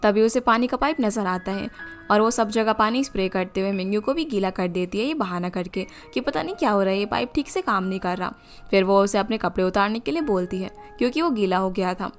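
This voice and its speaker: A woman retelling the plot of a drama series as a scripted narration, in an even storytelling manner. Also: mid-range voice. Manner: steady retelling of plot in the third person.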